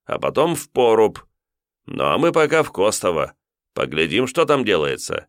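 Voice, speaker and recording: A man's voice: lowish voice, wildly swooping pitch, normal speed, no echo, clean studio sound, pitched above the performer's own voice. A man doing a stern cunning military governor. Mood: commanding. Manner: commanding, curt orders.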